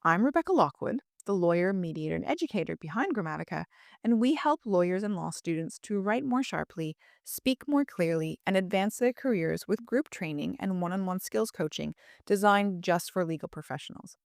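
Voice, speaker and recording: A woman's voice: on the low side, animated, normal speed, gravelly, dry recording, clean studio sound. A woman who is a lawyer and writing coach, reading a polished, persuasive advertisement. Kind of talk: read advertisement.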